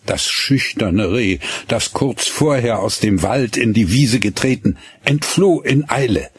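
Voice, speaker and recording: Slow, husky male storyteller. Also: medium pitch, no room sound. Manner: slow, expressive storytelling with voiced dialogue. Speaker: narrator. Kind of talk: scripted narration of a radio story.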